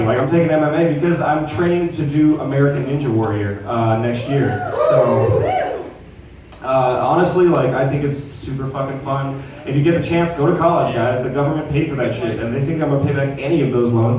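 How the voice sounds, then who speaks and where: A man's voice: mid-range voice, heavy reverb, far from the mic, low-quality recording. A young man doing a crude, rambling stand-up comedy set at a comedy club and talking back to the crowd. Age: young adult.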